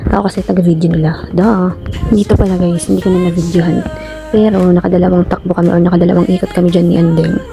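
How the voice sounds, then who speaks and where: A woman's voice: on the low side, little pitch movement, fast talker, creaky, dark tone, faint music behind. A Filipino woman giving a chatty, playful voice-over narration for her vlog, addressing her viewers. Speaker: vlogger.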